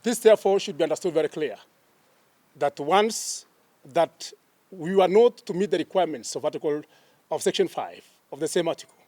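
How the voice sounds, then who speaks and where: A man with a Kenyan accent, a police spokesman reading a formal statement in a deliberate, emphatic way. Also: a little high, animated, a little mellow, dry recording. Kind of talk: official press statement.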